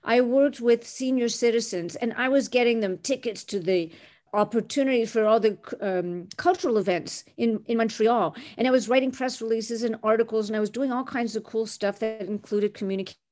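Her answers come a little fast, in a fairly high, slightly mellow voice. She's a recruiter from Canada in her sixties, recounting her career in an interview with eloquent self-assurance.

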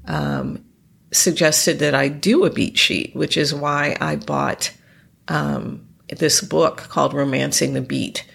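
A woman hosts her podcast solo in casual talk, rambling with many ums and restarts. Recovering from illness, she sounds congested and nasal, and her low, gravelly voice has a fairly bright tone.

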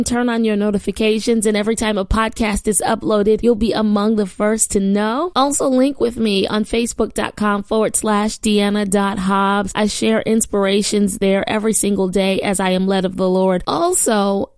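A woman hosts a daily devotional podcast, preaching and praying with warm fervor, her mid-range voice hoarse after a weekend of ministry. She records in a small studio with no echo.

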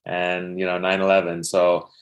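A man's voice: deep voice, completely flat delivery, moderate pace. A man in his thirties from Dubai, a podcast guest telling his life story casually, with many fillers and restarts.

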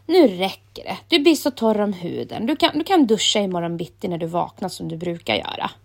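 A woman's voice: lowish voice, lively intonation, gravelly. A woman voicing a patient, weary mother of four who pleads with her son. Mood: pleading.

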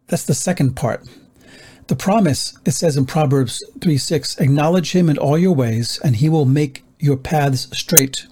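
Man, sermon, husky voice, mellow tone, measured earnest teaching. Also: fairly high pitch. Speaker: preacher.

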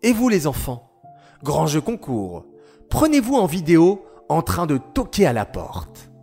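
A man's voice: high voice, huge pitch swings, moderate pace, a little mellow, faint music behind. A man hosting a children's program, speaking cheerfully and encouragingly to the kids. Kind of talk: addressing children directly.

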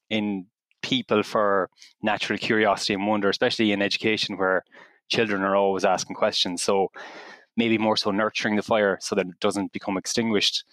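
A man's voice: fairly low pitch, fairly bright tone, dry recording. A man in his thirties with a western Irish accent, chatting casually and reflectively as a podcast co-host. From County Mayo, Ireland. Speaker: guest co-host, primary teacher.

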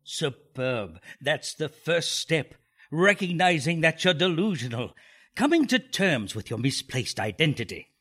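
A self-important male clinic doctor in a comic radio drama. His delivery is very animated and smoothly evasive, with hesitant, clinical phrasing. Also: a little high, unhurried, heavily acted. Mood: patronizing, analytical.

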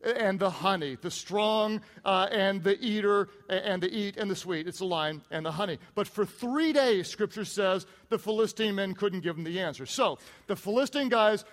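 A man's voice: high-pitched, moderate pace, hardly any pauses, in a large hall. A man preaching a sermon, retelling a Bible story with humor and emphatic asides. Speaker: pastor.

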